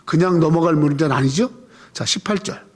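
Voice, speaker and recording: A man's voice: on the high side, brisk. A man preaching a conversational sermon, asking the congregation questions and leading them in reading scripture aloud. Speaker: pastor. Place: church sanctuary. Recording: long hall reverb.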